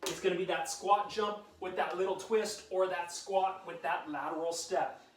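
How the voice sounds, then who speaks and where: Male fitness instructor, high voice, upbeat and encouraging, calls countdowns, recorded from a distance. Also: steady tone, normal speed. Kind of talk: live workout coaching with countdown cues. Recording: roomy sound, mic at a distance.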